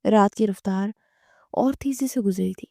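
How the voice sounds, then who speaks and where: A woman slowly narrating a romance novel in a hushed, emotional storytelling manner. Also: mid-range voice, creaky, dry recording, studio quality.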